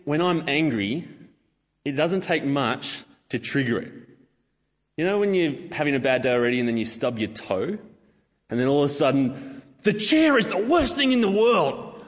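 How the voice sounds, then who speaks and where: A man preaching a sermon, telling stories casually and acting out what people say. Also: medium pitch. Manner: casual storytelling with acted-out quotes. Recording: long hall reverb.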